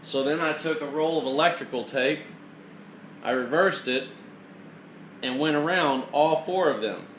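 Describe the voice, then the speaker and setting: In a casual hands-on mechanical tutorial, a man goes step by step, speaking plainly in a fairly high, somewhat bright voice. He talks a little slowly and leaves long pauses, and the room echoes over clear background noise.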